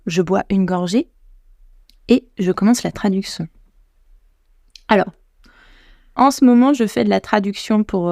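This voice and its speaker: A woman's voice: mid-range voice, gravelly, dark tone, no room sound, studio quality. A woman from France hosting a podcast, talking in a casual, enthusiastic way and speaking straight to her listeners. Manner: enthusiastic, addresses listeners directly. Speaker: podcast host. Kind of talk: casual spoken podcast talk.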